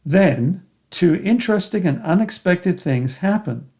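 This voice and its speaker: A man's voice: high voice, lively intonation, a little slow, a little mellow. An older man reading his own memoir aloud in the present tense, earnest and reflective. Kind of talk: scripted first-person memoir narration.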